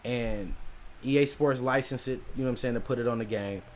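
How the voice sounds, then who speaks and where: A young man co-hosting a podcast, bantering loudly in casual chat, animated and profane. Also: medium pitch, brisk, slight background noise. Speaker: podcast co-host.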